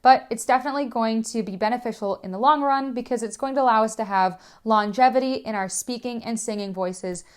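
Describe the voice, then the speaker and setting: A young woman voice teacher explaining a lesson in an upbeat, clear way. Her voice sits a little higher than most women's. She talks like a teacher walking students through the material. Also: brisk, hardly any pauses. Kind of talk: educational lesson.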